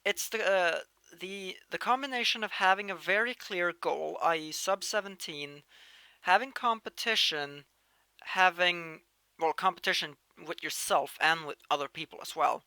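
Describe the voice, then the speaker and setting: In a relaxed Q&A monologue, a Norwegian channel host in his late teens responds to viewer questions, repeatedly restarting phrases and emphasizing words with lively jumps in volume. He talks chattily in a clean voice on the high side, with no room sound.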